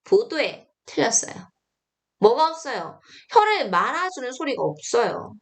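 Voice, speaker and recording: Slow, emphatic woman teacher. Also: high voice, big pitch swings. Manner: drills syllables slowly, emphatic corrections. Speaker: Chinese pronunciation teacher. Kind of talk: online language lesson.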